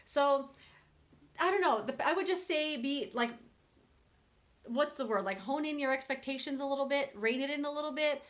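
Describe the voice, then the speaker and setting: A beauty vlogger in her thirties, with a fairly high voice and a fairly bright tone, talks casually to a close camera in a small, cluttered room at home. Her review is chatty and candid, rambling along at normal speed with plenty of fillers and restarts.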